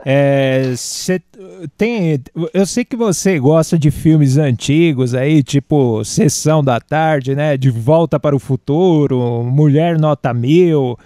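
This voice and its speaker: A Brazilian man hosting a radio interview, asking informal, unhurried questions. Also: on the high side, mellow, no room sound, studio quality. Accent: Brazilian Portuguese. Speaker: radio show host. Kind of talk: casual interview.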